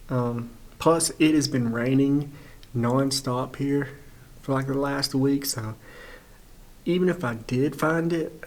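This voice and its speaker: A young man talking quietly and casually to the camera while camping inside a small shed at night, in a relaxed, rambling way. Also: medium pitch. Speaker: vlogger. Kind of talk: casual vlog talk to camera. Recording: faint background noise.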